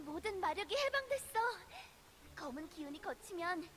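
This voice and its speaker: A woman's voice: extremely high pitch, very animated, racing, fairly bright tone, a little hiss or hum, heavily acted. A woman voicing a small, earnest companion guide in a video game.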